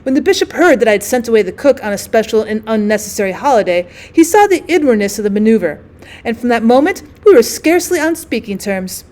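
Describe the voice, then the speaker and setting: A woman reader performs a refined society lady from a classic short story, haughty and dry-witted. Her rather high voice swoops up and down as she airs her complaints with wordy emphasis, very animated, quick, and slightly mellow.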